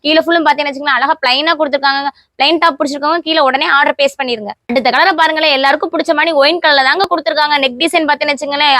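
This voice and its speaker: Brief: high-voiced woman seller, Tamil Nadu accent, rattling off product details, close and dry. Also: pushed and bright, no echo. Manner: rapid repetitive sales patter, stock phrases. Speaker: online clothing seller. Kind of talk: product showcase sales talk.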